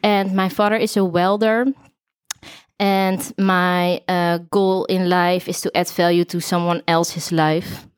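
A woman with a smooth, clear voice, speaking as a guest in an informal podcast conversation. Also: fairly low pitch, little pitch movement, takes it slowly. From Aruba, later moved to the Netherlands. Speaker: student panel guest.

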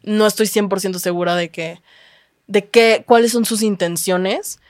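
A woman's voice: medium pitch, fairly even intonation, unhurried, no echo, studio quality. A young woman with a Mexican accent, a guest telling her story in casual chat, candid and full of slang and swearing.

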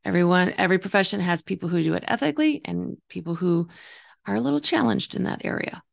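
A woman with a gravelly, slightly hoarse voice talking earnestly and reflectively as a coach hosting a solo podcast, explaining her views. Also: lowish voice, fast. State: voice partly gone, slightly hoarse. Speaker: intuitive coach and podcast host.

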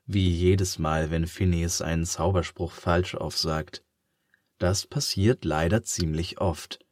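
A man reading a children's story aloud in a calm, expressive way. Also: sits low, takes it slowly, dry recording, studio quality. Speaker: narrator.

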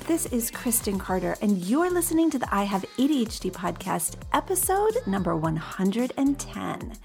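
A woman's voice: medium pitch, vocal fry, breathy edge. A woman hosting a podcast as an encouraging, upbeat life coach, chatting directly to her listeners.

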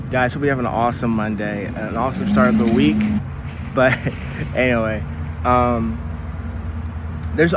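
An upbeat man rambles warmly into a phone video, shot outside on wireless earbuds, with traffic and car noise clearly heard behind him. His voice sits at an ordinary middle pitch, and he fills the gaps with "um" and "you know". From United States. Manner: upbeat, rambling, encouraging, many fillers. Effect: recorded on a phone for video. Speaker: podcast host. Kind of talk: casual motivational vlog talk. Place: outdoors near traffic and a train line. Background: street and car noise.

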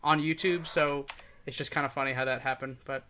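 A man's voice: medium pitch, fairly even intonation, a little fast, sharp tone, a little hiss or hum. A man joking around as a quiz contestant with friends, laughing often. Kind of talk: casual chat.

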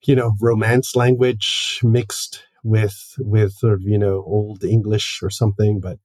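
A man with a lowish, mellow voice thinks out loud in casual chat. His tone is a little husky and he leans on "you know" and "like". The sound is dry. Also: flat delivery, dry recording. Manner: musing, drawn-out, lots of "you know" and "like". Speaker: podcast co-host.

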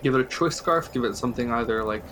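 A man's voice: medium pitch, quick pace, a bit bright, a little hiss or hum. A man co-hosting a podcast in casual chat, explaining game strategy at length and chuckling often. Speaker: podcast co-host.

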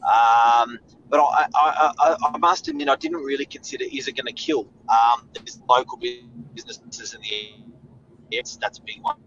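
A man's voice: medium pitch, moderate pace, fairly bright tone. An Australian man on a local talk show, thinking aloud and answering his own questions, over remote audio that glitches and keeps cutting out. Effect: glitchy remote audio that keeps cutting out and dropping in level. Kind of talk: casual discussion. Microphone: remote call line. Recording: dull remote line with faint noise.

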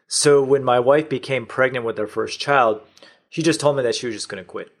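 A man's voice: mid-range voice, fairly quick. A middle-aged man from the United States, a podcast guest telling his business story in a matter-of-fact way. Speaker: podcast guest, online store owner. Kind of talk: conversational interview.

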